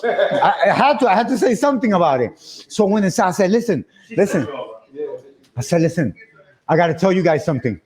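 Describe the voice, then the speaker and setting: Animated high-voiced man telling a story. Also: fairly quick. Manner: animated, laughing, acting out quoted voices. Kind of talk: casual storytelling on a livestream.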